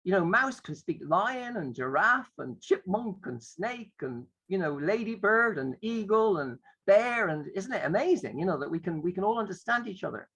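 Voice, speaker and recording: A man's voice: high voice, lively intonation, normal speed, few pauses, a bit bright, husky, poor audio. A man who teaches drama, explaining a classroom exercise in a conversational, playful way and often acting out what the teacher says. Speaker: drama educator.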